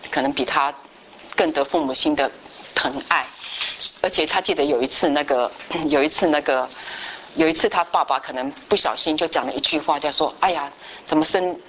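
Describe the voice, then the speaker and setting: A woman teaching a church Bible study class, telling stories and asking the class questions in a lively, chatty way. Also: deep voice, brisk, a little hiss or hum, rough recording. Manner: lively storyteller, tags sentences with a chatty particle, asks the class questions.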